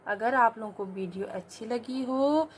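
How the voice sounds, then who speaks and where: A woman teaching a grammar lesson, reading each example sentence slowly and deliberately, then asking questions and answering them herself. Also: a little high, a little hiss or hum. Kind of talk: exam-prep grammar lesson.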